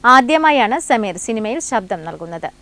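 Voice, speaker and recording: A woman reporter narrating a news story in clear, formal speech. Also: a little high, expressive, normal speed, fairly bright tone.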